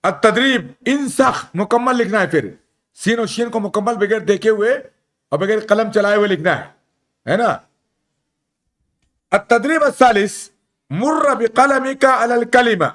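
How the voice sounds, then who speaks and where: A male Arabic teacher leading a classroom lesson, spelling out letters slowly and keeping students engaged with frequent check-in questions. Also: high-pitched, lively intonation, fairly bright tone. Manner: quizzes students, keeps asking "isn't it?". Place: classroom at an Islamic school.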